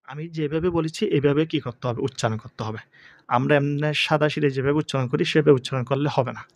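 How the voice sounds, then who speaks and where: A man with a Bangladeshi Bengali accent teaching Arabic letter pronunciation in an online lesson, slowly repeating and drilling each sound. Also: fairly high pitch, vocal fry, dry recording, studio quality. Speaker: Quran teacher.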